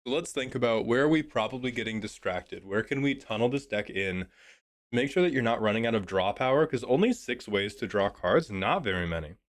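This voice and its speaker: A man giving a casual, joking review of a card deck, a bit sick and clearing his throat, swearing as he thinks aloud. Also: medium pitch, animated, brisk. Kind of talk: casual commentary.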